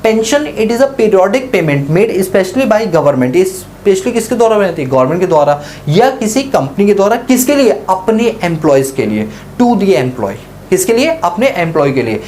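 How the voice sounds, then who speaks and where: A man's voice: high voice, sing-song, normal speed, darkish tone, a little hiss or hum. A male teacher giving a lecture, asking questions aloud and answering them himself while explaining through a first-person story.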